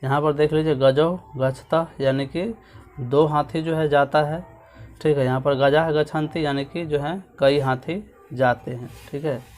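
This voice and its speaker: A man teaching a school lesson, walking through a textbook page and drilling word forms aloud, with frequent check-ins to the listener. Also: on the high side.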